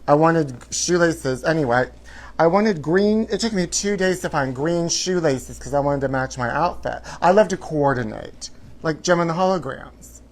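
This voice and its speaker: A man's voice: fairly high pitch, animated, moderate pace. A man hosting a live gossip show in casual chat, with a sassy, campy, theatrical drag-queen style of talking. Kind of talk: casual livestream chat to viewers.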